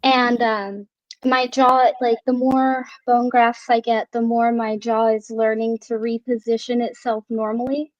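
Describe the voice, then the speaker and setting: A middle-aged woman with a somewhat high voice talks casually in an online chat. Her speech is a little slurred and whistles on the S's, and she forms words with care. The audio is close and dry but slightly dull. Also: level tone, a little slow, no room sound. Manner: careful articulation while relearning to talk.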